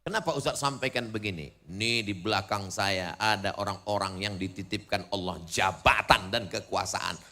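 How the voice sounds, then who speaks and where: A middle-aged man preaching a sermon to a large crowd outdoors, telling stories with humor, asking the crowd questions and shouting at the peaks. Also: lowish voice, normal speed, creaky, few pauses. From Indonesia. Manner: animated, humorous storytelling with call-and-response and shouted peaks.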